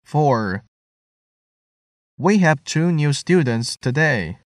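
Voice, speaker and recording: A man reading English listening-test items clearly and deliberately, repeating each sentence. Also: a little high, lively intonation, dry recording, studio quality.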